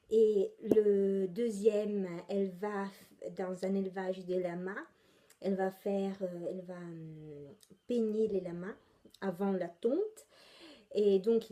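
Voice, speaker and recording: Warm and medium-pitched, the voice belongs to a young Italian woman hosting a knitting podcast. She chats casually and rambles, often pausing and correcting what she just said.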